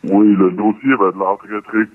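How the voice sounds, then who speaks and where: A man calling in with his voice electronically disguised and lowered, speaking with a Quebec French accent and hesitating often. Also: little pitch movement, normal speed. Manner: hesitant, many fillers. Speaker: caller. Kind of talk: casual phone call to a radio show. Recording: dry tinny phone line.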